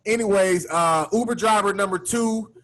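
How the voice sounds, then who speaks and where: A man's voice: high voice, normal speed, fairly bright tone. A man hosting a casual comedy podcast over a video call, talking in a laid-back, slangy way with lots of fillers. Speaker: podcast host. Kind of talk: casual chat.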